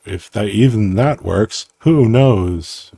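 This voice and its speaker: Low-voiced man, slow, halting and playful, explaining his own system over a dry close mic. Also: vocal fry, warm tone, slightly rough, no room sound. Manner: halting, self-interrupting, playful, muses aloud. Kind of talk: casual rambling screen-recorded explanation.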